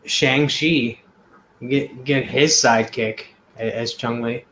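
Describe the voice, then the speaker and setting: A man's voice: medium pitch, steady tone, takes it slowly, a bit bright, a little hiss or hum, low-quality recording. Rambling man in a casual drawing chat. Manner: rambling and hesitant, full of fillers and restarts. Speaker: co-host of a drawing talk show.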